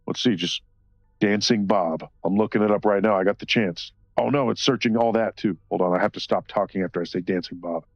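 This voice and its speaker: Streaming as he colors, a man talks a little fast in a lowish voice, rambling and cursing, frequently laughing, and reading the chat out loud. There's no room sound, though the audio is slightly dull and faint music plays behind him.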